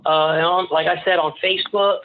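A man chatting casually as an interview guest, rambling and halting, with a jokey way of talking. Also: high voice, steady tone, a little hiss or hum. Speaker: podcast guest, small-business owner. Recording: slightly dull, lo-fi sound.

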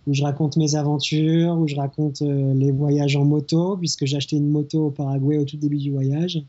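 A man's voice: fairly high pitch, flat delivery, a little fast, dark tone, dull audio. A man from France speaking as an interview guest over a remote call line, in an easygoing way with many hesitations. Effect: heard over a remote phone or internet call line. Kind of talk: casual interview chat. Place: small hotel in the mountains.

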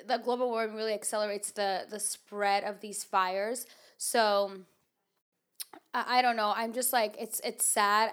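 An American woman hosts a podcast, chatting casually in a medium-pitched, slightly bright, nasal voice. She rambles and leans heavily on filler words.

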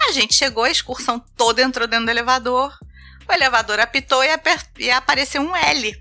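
A woman's voice: sits high, quick pace, faint music behind. A Brazilian woman with a Brazilian Portuguese accent, telling funny travel stories in a casual chat, acting out the people she quotes. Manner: animated, acts out voices and laughs while telling stories. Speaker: guest.

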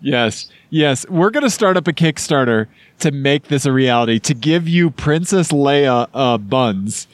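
A man's voice: mid-range voice, expressive, unhurried, hardly any pauses, dry recording. A man with a Missouri accent co-hosting a podcast in casual, jokey chat. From Missouri, United States. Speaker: podcast co-host.

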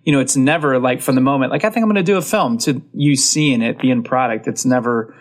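A man's voice: mid-range voice, fast talker. A man hosting an interview podcast, asking long rambling questions in a chatty, encouraging way. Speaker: podcast host, film coach. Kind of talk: casual interview talk.

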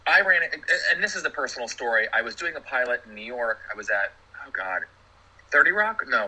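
A man, a production designer, chatting as a podcast guest and telling stories with animated energy. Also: medium pitch, husky, low-quality recording. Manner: animated storyteller, laughs while talking. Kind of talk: casual podcast chat.

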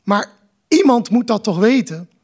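A man's voice: sits high, very animated, measured pace, heavily acted. Man doing an agitated teenage boy. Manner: sharp, rising outbursts.

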